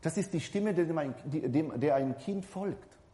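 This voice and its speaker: A man's voice: on the high side, lively intonation, measured pace, warm tone. A man preaching a sermon in a conversational way, talking directly to the congregation and often restarting and correcting his words. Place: church hall. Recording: reverberant hall.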